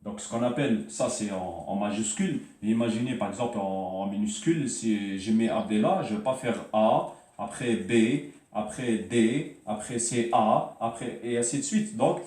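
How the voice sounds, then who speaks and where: A man giving an informal Arabic writing lesson, hesitating and repeating words as he spells out sounds slowly. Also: lowish voice, a little mellow, echoey room, distant mic. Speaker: Arabic teacher. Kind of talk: informal spoken lesson at a board.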